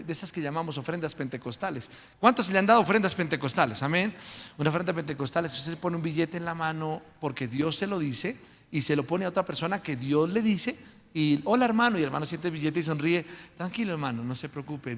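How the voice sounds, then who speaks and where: Gravelly pastor in a reverberant church. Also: male voice, a little high. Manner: storytelling with acted voices and loud prayer. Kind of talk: sermon. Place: church sanctuary. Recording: long hall reverb.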